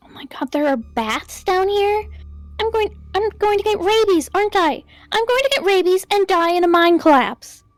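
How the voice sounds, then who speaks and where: A woman's voice: very high voice, expressive, dry recording. A woman voicing a jittery, anxious young woman who frets and panics easily, in a fan voice drama. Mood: panicky. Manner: nervous, fretful and quick to panic.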